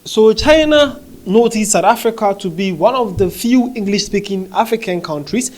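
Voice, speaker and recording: A commentary vlogger reads social media comments aloud and reacts to them in a conversational way, leaning on fillers and check-ins like "okay?". His voice is high-pitched and expressive, at a moderate pace.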